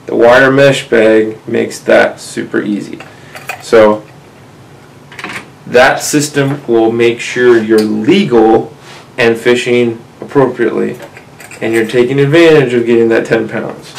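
On poor audio with a little hiss or hum, a man with a mid-range voice and some vocal fry talks slowly and fairly evenly. He's an outdoors channel host seated at a desk in a small indoor room, casually explaining fishing gear to the camera. Conversational in manner, he calls viewers "guys" and keeps asking "right?"

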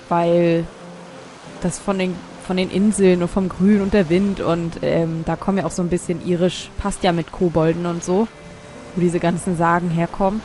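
A woman's voice: fairly low pitch, a little mellow, a little hiss or hum. A woman giving casual let's play commentary, thinking aloud as she plays. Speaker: let's player. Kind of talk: casual game commentary, reading dialogue options aloud.

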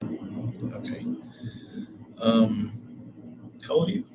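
A middle-aged man questioning a suspect in a small police interview room, slow, calm and measured. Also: fairly low pitch. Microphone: room camera from across the room. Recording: dull room audio with steady hiss.

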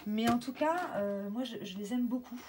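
A young woman chatting casually through an art-supply unboxing, excited and full of fillers and restarts. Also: on the high side, normal speed, background noise. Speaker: craft vlogger.

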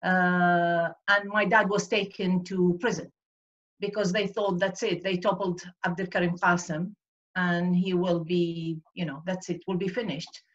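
Unhurried and level in tone, a fairly low-pitched woman in her sixties from Iraq shares memories of her life as a guest speaker over a video call from a home room. She often searches for the right words, and the recording is dull, lo-fi call audio.

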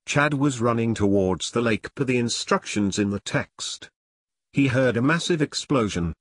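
A man's voice: mid-range voice, a bit bright, no echo, clean studio sound. A man reading a story aloud, voicing the characters' lines along the way.

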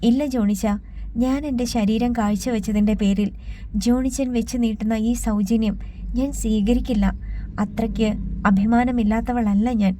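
Proud, heartbroken young woman in an audiobook, grave and resolute, read by a woman with a mellow, higher voice. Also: steady tone, moderate pace, slight background noise, lightly acted, rough recording. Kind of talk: audiobook reading.

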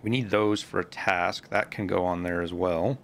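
A man's voice: sits low, steady tone, moderate pace, creaky, a bit bright, a little hiss or hum. A man giving casual commentary to himself while playing a shooter game, muttering as he loots and swearing now and then. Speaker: gameplay streamer.

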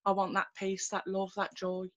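A woman tells her faith story over a webcam call from a small room at home. She speaks earnestly but haltingly, restarting often, with a flat and even tone in a dry, close sound. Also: mid-range voice, no room sound, dull audio. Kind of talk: personal testimony in a video call. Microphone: laptop webcam on a video call.

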